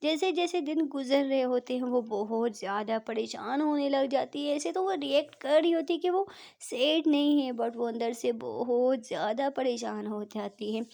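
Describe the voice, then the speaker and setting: High-voiced woman telling a story. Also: moderate pace, vocal fry, dark tone. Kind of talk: casual story narration.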